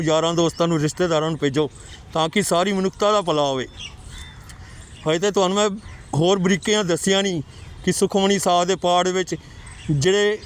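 A man giving an earnest devotional lesson on correct scripture pronunciation, chanting verses slowly and correcting common mistakes. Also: sits high, clean tone. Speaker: Gurbani pronunciation teacher. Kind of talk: devotional teaching talk.

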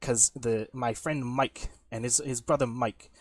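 A man's voice: mid-range voice, steady tone, unhurried, slight background noise, natural voice. A man voicing a rowdy, foul-mouthed male tavern drunk who bickers in coarse, broken grammar. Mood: riled. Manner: coarse, shouting insults, slurred grammar.

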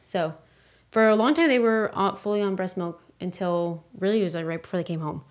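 A woman's voice: fairly low pitch, brisk. A young woman chatting casually with her partner, answering viewer questions as a new mother and finishing his sentences.

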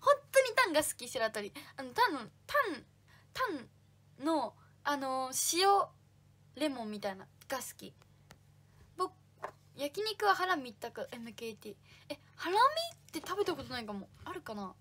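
Young woman, very high bright voice, lively bubbly chatter, thanking fans by name, close mic. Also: normal speed. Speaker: idol livestream host. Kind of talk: casual livestream chat reading fan comments.

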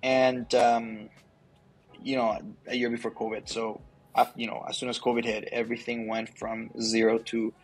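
Husky-voiced chatty man from Colombia. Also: mid-range voice, monotone, moderate pace, faint music behind, poor audio. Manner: chatty, lots of likes and ums. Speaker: startup founder. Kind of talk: casual interview answers. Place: office with large window. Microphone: earbuds on video call.

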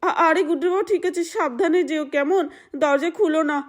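A nervous young village mother frets aloud and hushes her children in a high voice, as a woman voices her. The doll cartoon keeps her anxious and soothing throughout. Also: normal speed. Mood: worried. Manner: fretful, soothing. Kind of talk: doll-play storytelling.

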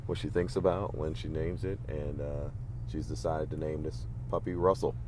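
A man casually narrating a car vlog, relaxed and full of fillers, filmed on a phone. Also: rumbling low, moderate pace, background noise. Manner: relaxed, filler-heavy talk. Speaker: car vlogger. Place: muffler shop, then inside a car.

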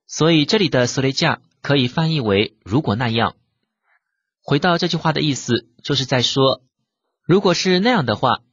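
Husky male teacher with a lively voice. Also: medium pitch, no room sound, lo-fi sound. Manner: methodical, reads example sentences then translates them. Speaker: language teacher. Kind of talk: vocabulary lesson explaining Japanese words.

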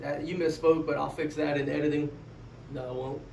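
A middle-aged American man rambles jokingly as he hosts a casual podcast. His voice sits slightly high. It is picked up from a bit of a distance in an echoey room. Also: little pitch movement, brisk, vocal fry, a little mellow. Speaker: podcast host. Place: echoey room, away from the mic. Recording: echoey room, distant mic, faint noise.

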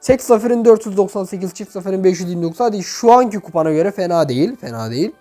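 A man's voice: sits high, rapid-fire, warm tone. A young man with an echoey, reverberant room sound gives casual, chatty gaming commentary as a channel host, talking to viewers like friends. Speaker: YouTube game channel host. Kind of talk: casual gaming commentary, reviewing player profiles. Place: bedroom with items cleared out, indoors. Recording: echoey emptied room, faint music behind. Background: music.

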